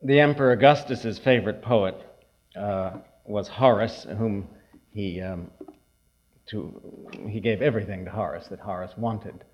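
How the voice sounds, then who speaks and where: Man in an old archival recording. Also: on the low side. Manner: unhurried, with hesitant asides. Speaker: poet. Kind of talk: poetry reading with remarks. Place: reading hall with an audience. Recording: dull lo-fi archival tape.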